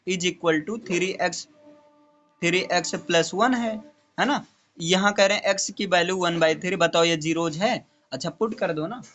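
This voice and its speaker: A man's voice: high-pitched, normal speed, fairly bright tone, soft background music. Man tutoring a maths lesson. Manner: explains step by step, checking in with the student.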